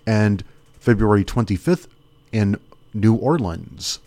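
A man's voice: on the low side, lively intonation, slow, mellow. A man hosting a small radio music show, chatting casually and rambling as he thinks aloud. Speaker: radio host.

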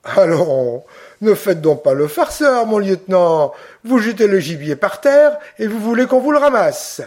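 A boisterous, mocking bandit from an audiobook, as a man reads him. He speaks high and slow, jovial even about grim things. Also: full character voice. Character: gruff cheerful Corsican bandit man.

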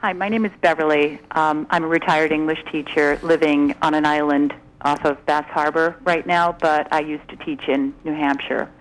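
A woman's voice: sits low, steady tone, normal speed, hardly any pauses, low-quality recording. An older woman, a retired teacher, calling in over the phone to a radio talk show and chatting earnestly. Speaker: caller. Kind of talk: casual call-in chat.

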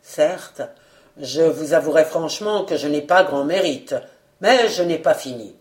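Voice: mid-range voice, expressive, unhurried, lightly acted. Chantecoq, an assured fatherly detective, read aloud. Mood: teasing. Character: famous French detective, shrewd, warm, confident. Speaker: detective in a novel. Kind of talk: audiobook character reading.

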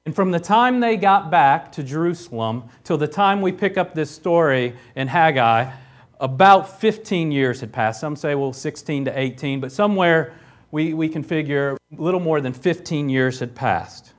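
Emphatic preaching man, slightly high voice. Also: animated, normal speed. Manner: emphatic preaching, rising loud on key phrases; reads scripture aloud with conversational asides. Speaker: pastor. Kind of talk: sermon.

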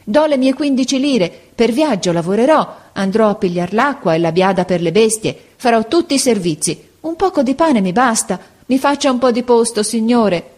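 A woman voicing a desperate young boy who pleads urgently and tearfully, in a high, strained voice. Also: sing-song, moderate pace, darkish tone. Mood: pleading.

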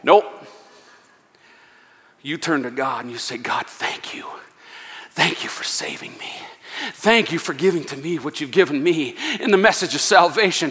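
High-voiced fervent male pastor, echoey hall. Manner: fervent preaching, swinging from hushed to loud; joking asides with chuckles. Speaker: senior pastor. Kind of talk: sermon. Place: church sanctuary.

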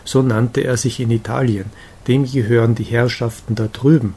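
A man reading a gentle, cheerful young woman's chatty, confiding lines in an audiobook of a romantic novella. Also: mid-range voice, fairly even intonation, moderate pace, husky. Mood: fond.

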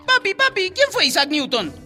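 A man's voice: big pitch swings, moderate pace, loud music behind the voice. A man voicing a small boy who keeps pestering his father with questions. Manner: high, eager, insistent.

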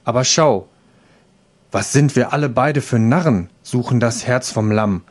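A man's voice: mid-range voice, measured pace, lightly acted. A cheeky, greedy soldier from an old fairy tale, put on by a male reader. He talks in a brash, wheedling way. It stays near an everyday man's voice in a storybook reading. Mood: coaxing.

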